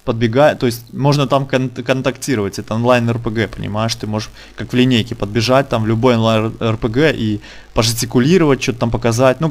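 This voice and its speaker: A man hosting a casual online interview, talking colloquially and insistently, repeating phrases for emphasis. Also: mid-range voice. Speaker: interviewer and channel host.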